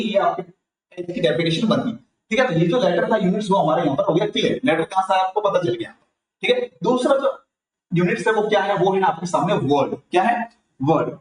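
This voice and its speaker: A man's voice: high voice, slight background noise. A man with a Rajasthani Hindi accent teaching an online grammar lesson, asking the class questions and answering them himself. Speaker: tutor. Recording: echoey room, mic far off.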